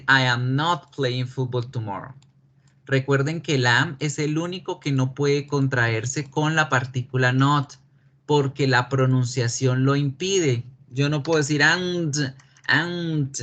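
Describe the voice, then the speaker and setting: A man whose first language is Spanish teaches an online English class, speaking slowly at a middle pitch. He explains step by step and keeps checking that students understand. Keyboard clicks and typing sound behind him. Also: fairly bright tone. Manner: slow, patient explaining with frequent check questions.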